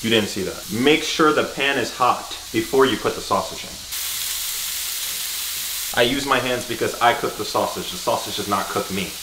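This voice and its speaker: A man's voice: medium pitch, moderate pace, noisy background. A young man in his twenties hosting a home cooking vlog, joking in a mock-formal broken chef talk. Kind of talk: joking cooking show narration. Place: small home kitchen, indoors. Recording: echoey kitchen with sizzling pan.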